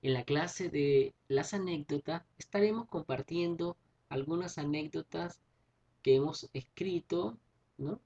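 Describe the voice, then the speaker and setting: Husky teacher man explaining patiently. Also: fairly high pitch, a little slow, warm tone, highs cut off. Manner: explains patiently, repeats and rephrases, tag questions. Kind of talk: recorded class lesson.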